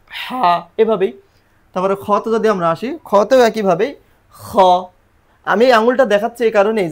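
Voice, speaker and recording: A man teaching Quran reading and the Arabic alphabet in a recorded lesson, patiently repeating letters and drilling pronunciation. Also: high voice.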